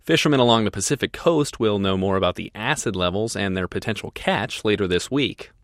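Male radio reporter, slightly low register, scripted delivery, dry studio sound. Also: animated, brisk, no room sound.

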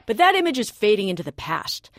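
A woman's voice: medium pitch, very animated, fast, a loud crowd, heavy background noise. A woman with an American accent narrating a scripted news report as a radio reporter. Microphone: close studio microphone.

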